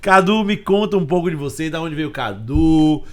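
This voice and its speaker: An enthusiastic, jokey man hosting a podcast, his voice sitting a bit high. He introduces and questions his guest in a casual, lively way. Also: normal speed. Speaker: podcast host.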